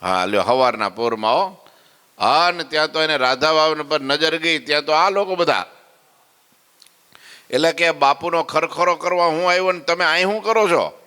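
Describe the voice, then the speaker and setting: A man's voice: a little high, normal speed, bright, forceful tone, clean tone, big-room sound. A man telling a devotional story as a preacher, acting out the characters and asking listeners questions. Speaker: katha preacher.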